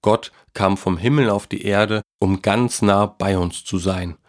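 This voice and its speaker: A kind, warm old grandfather from a children's storybook, put on by a man reading aloud. He speaks low and explains things gently and unhurriedly. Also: steady tone, a little slow, lightly acted. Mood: gentle.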